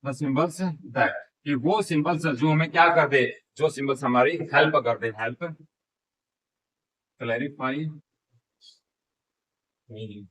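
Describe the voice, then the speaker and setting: A man teaching a grammar lesson, explaining in Hindi mixed with terms and speaking. He asks and answers his own questions and slowly dictates key phrases word by word. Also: medium pitch, fairly bright tone, poor audio.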